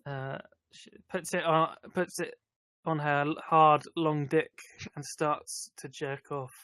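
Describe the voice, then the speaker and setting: A man's voice: on the high side, flat delivery, slow pace, bright, forceful tone, clean tone, dry recording. A man co-hosting a casual podcast, reading a story aloud hesitantly and stumbling over words. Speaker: podcast co-host.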